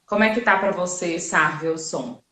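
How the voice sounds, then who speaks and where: A middle-aged woman with a Brazilian Portuguese accent, a family therapist joining a live-stream talk as a guest. She speaks in a friendly way and checks in with the audience. Her voice comes through choppy and robotic on a low-quality stream. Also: normal speed, pushed and bright. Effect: glitchy, robotic-sounding low-quality stream audio. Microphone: video call or live-stream mic. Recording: echoey room over a choppy online stream.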